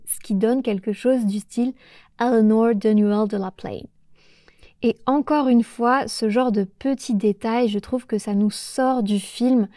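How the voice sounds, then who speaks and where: A young French woman hosting a podcast for learners, talking slowly and carefully with small pauses. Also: mid-range voice, warm tone, dry recording, clean studio sound. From France. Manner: slow, careful, with pauses and hesitations. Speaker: podcast host teaching French. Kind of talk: clear, measured solo talk for learners.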